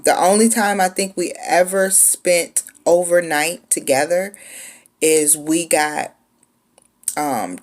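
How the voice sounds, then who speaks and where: A woman in her forties tells her story in a relaxed, unhurried way. Her voice sits low and has a gravelly, fry-tinged edge. She is chatty and pauses often as she talks. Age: 40s. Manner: laid-back, chatty, with frequent "um" pauses. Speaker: vlogger. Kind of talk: casual storytime.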